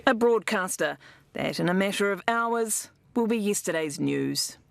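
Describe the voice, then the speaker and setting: A New Zealand woman reads a television news package. Her pitch is mid-range and her delivery is that of a scripted reporter. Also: lively intonation, unhurried, gravelly, dry recording.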